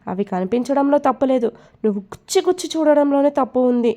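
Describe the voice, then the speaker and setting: A woman's voice: high voice, expressive, quick pace. A woman voicing a proud, hot-tempered young woman. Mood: angry. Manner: indignant, sharp-tongued.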